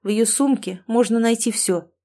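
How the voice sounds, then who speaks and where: A woman's voice: on the high side, moderate pace, dark tone. Woman reading an audiobook aloud. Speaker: audiobook narrator. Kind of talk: scripted audiobook narration.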